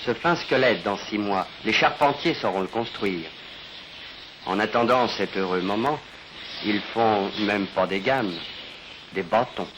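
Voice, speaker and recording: A man's voice: lowish voice, background noise. Formal 1950s broadcast documentary narrator, man. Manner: measured, formal, poses rhetorical questions. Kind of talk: scripted narration. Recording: narration over clear background music.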